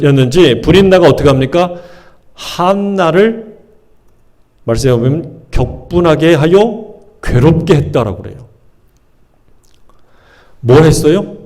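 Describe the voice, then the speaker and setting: A man's voice: fairly high pitch, darkish tone. A middle-aged male pastor preaching a sermon in a conversational way, often asking the congregation questions.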